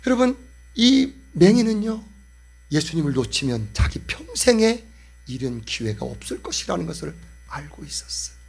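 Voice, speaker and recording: Male pastor, sermon, impassioned, repeats key phrases, husky voice, very lively pitch. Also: moderate pace. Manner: impassioned, emphatic repetition.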